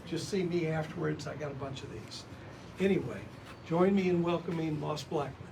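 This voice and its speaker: Gravelly man introducing a speaker from afar. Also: a little high. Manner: loose, halting, with many fillers. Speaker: event host. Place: library meeting room. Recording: distant mic with noisy room.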